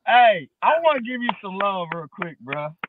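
A man's voice: sits high, expressive, normal speed, background noise. A man in his early thirties, a guest musician talking casually in street slang on a video call. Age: early 30s. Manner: laid-back street slang, fillers like bro. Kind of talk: casual interview chat. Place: dark room at home. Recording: dry, tinny phone-like video call.

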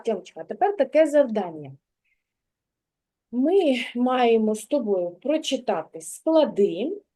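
Kindergarten teacher lady, kinda high mellow voice, patient and encouraging, walks a kid through sounds one step at a time. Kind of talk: one-on-one literacy lesson with a child.

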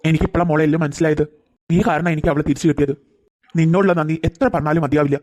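Man doing a fiery, fast-talking cartoon grandfather. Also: fairly high pitch, fairly even intonation, darkish tone, dry recording, natural voice. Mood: earnest. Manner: firm, emotional. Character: protective grandfather, fiery yet loving. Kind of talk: cartoon voice acting.

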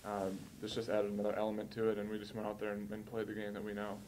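A college football player in his early twenties gives measured, matter-of-fact answers at a post-game press conference, seated at a table in an indoor press room. His voice is lowish and monotone, with background noise.

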